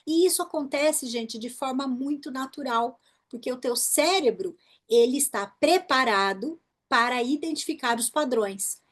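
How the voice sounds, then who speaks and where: A Brazilian woman with a Brazilian Portuguese accent teaching English pronunciation in an online workshop, explaining patterns and demonstrating words slowly, often checking in with the listener. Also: high voice.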